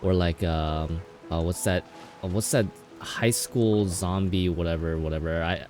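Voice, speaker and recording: A man's voice: low-pitched, fairly even intonation, measured pace, a little mellow, faint music behind. A young man streaming a game, chatting emotionally with viewers and often restarting his sentences. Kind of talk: casual game stream chat.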